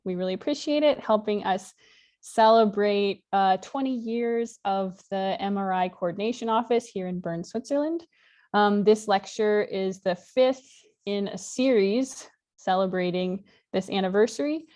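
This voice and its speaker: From a home room with a virtual background, a woman from Alaska, United States, gives an informal online lecture on a video call, captured by a laptop webcam mic. Her mid-range voice is unhurried and a little mellow, and her manner is friendly and conversational with occasional fillers.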